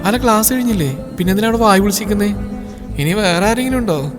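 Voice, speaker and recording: A man's voice: sits high, lively intonation, fast talker, voice pushed up. A man voicing a cheeky young woman from a storybook, with a teasing way of asking questions. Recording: echoey room with faint music.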